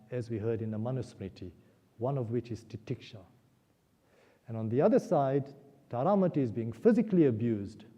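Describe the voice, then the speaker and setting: Dark-voiced man giving an earnest spiritual talk. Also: medium pitch. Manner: earnest, has listeners repeat key words aloud. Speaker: guest speaker at a temple. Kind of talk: spiritual discourse with storytelling. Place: temple hall. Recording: dull lo-fi audio in a reverberant hall.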